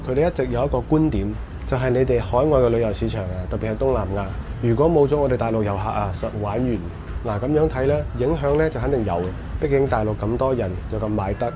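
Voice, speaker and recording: A man's voice: mid-range voice, noisy background. A man speaking Cantonese, walking a busy nightlife street as a vlog host and giving wry, opinionated commentary. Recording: music blaring from street bars. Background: loud bar music.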